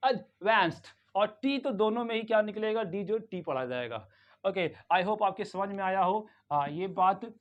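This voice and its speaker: A man with a Lucknow Hindi accent teaching English pronunciation. He asks the class questions, answers them himself, and repeats words slowly with emphasis. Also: high-pitched, muffled recording. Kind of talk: classroom-style pronunciation lesson.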